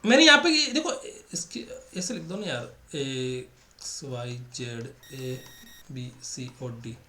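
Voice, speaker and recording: A man's voice: medium pitch, animated, slow, bright, forceful tone, echoey room, a little hiss or hum. A man teaching a maths lesson in a chatty, repetitive way, often asking rhetorical questions. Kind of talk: casual classroom lecture.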